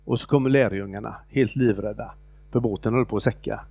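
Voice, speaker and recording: A man giving an informal sermon, retelling a Bible story in a conversational, halting way with fillers and restarts. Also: lowish voice, vocal fry, warm tone, breathy edge, dry recording. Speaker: preacher.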